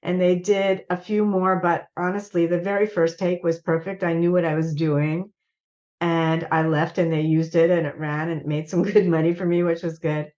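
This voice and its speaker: An older woman with a lowish voice, a clothing entrepreneur appearing as a guest on a video call, tells casual stories at normal speed from her indoor home office. She's animated, acting out what the people in her stories said, and the webcam audio is dull and lo-fi.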